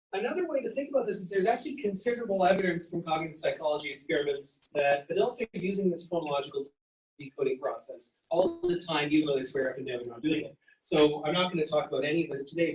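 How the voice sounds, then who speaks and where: Man lecturing psych students, kinda high voice, picked up from across an echoey hall. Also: slight background noise. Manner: explanatory, sounds out words and letters. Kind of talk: university lecture. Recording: echoey room, mic at a distance.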